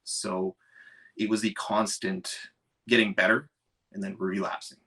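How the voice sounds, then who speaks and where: Deep bright-toned guy in his 30s from canada, measured, keeps clearing throat, mic kinda far. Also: level tone. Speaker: interviewee. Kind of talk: recalling illness in an interview.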